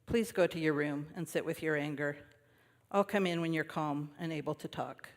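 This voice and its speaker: A man voicing a kindly, patient old grandfather in a story read aloud, speaking calmly and gently. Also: a little high, moderate pace, close to an everyday voice. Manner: calm and gentle. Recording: long reverb of a worship hall.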